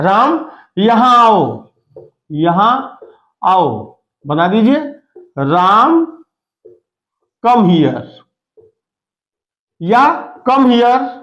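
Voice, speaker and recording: A young man teaching English grammar in a Hindi-medium lesson, who explains slowly and repeats example sentences word by word. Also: high-pitched, dull audio. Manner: addresses students as "beta".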